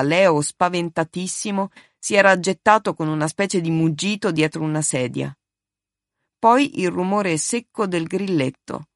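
A woman reading a novel aloud as narrator, steady and measured. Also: lowish voice, no room sound, studio quality.

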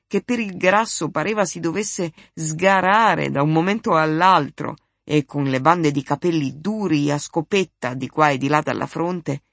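An audiobook narrator reading a literary novel in a steady, measured storytelling voice. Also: medium pitch, dry recording.

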